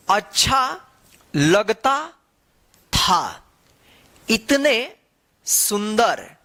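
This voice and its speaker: Slow word-by-word Hindi reading teacher. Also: medium pitch, fairly bright tone. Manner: reads slowly one word at a time, spelling out letters and joined forms; mixes English words into Hindi explanation. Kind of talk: online reading lesson, reading a story word by word.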